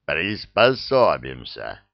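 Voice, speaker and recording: A man voicing a gruff, hulking male giant henchman in an audiobook, grumbling and blunt. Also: rumbling low, very animated, slow, no echo, lo-fi sound, pitched below the performer's own voice, full character voice.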